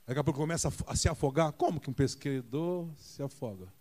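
A Brazilian man preaching a Sunday sermon in a church, retelling a Bible story and acting out the voices of the people in it with big jumps in pitch. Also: fast, darkish tone. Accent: Brazilian Portuguese. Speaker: pastor.

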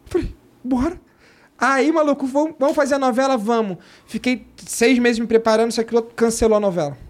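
A man, a guest in a casual chat, telling animated stories and acting out the voices of the people in them. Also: very high voice, a little fast. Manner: animated storyteller, acts out quotes.

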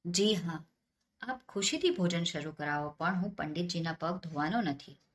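A woman voicing a clever male poet who answers calmly and with quiet firmness in a storybook tale. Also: lowish voice, normal speed, lightly acted. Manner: calm, quietly firm.

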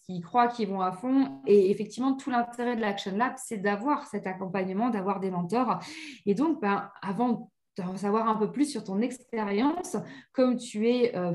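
A woman's voice: mid-range voice, darkish tone. A woman hosting a podcast interview, enthusiastic and chatty, with frequent hesitations. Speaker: podcast host. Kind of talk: hosted interview.

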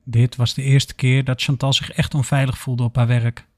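A man narrating a scripted horror story in a steady, measured way. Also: mid-range voice, no echo, clean studio sound.

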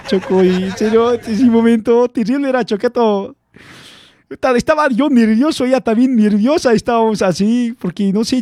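High-voiced chuckling storyteller man. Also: dark tone, no room sound. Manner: rambling, chuckling, addresses listener with slang nicknames. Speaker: vlog host telling a story. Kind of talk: casual storytelling to camera.

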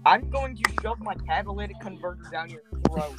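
A mid-pitched player states silly actions flatly at a tabletop game. Loud music plays behind the voice. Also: a little fast. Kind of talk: casual game banter.

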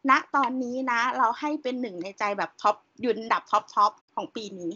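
Chatty woman host, slightly high voice. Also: a little fast, sharp tone, slightly rough. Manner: chatty, enthusiastic film recommendation. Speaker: podcast co-host. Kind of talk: casual chat. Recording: dull lo-fi sound.

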